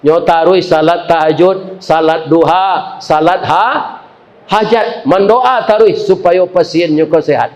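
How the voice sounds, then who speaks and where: A Minangkabau-accented man preaching a sermon, telling a story and joking with the congregation in a lively way. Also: fairly high pitch, measured pace, rough recording.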